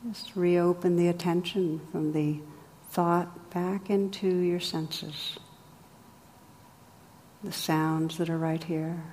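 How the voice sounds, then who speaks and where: Leaving long silences between phrases, a woman leads a meditation, speaking softly and gently in a low, steady, unhurried voice. She is a meditation teacher, and her words trail off in a long reverb over a faint ambient hum.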